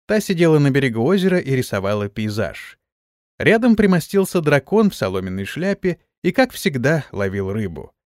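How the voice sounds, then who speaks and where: A man narrating a fantasy audiobook in the first person, conversational and expressive. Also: medium pitch, moderate pace, dry recording, clean studio sound.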